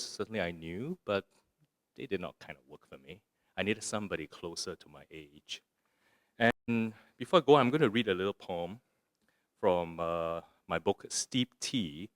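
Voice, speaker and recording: A man's voice: deep voice, dry recording, studio quality. A man from Singapore, giving a musing, conversational talk on poetry that includes a reading, and often asking his audience a rhetorical "right?". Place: arts center lecture room.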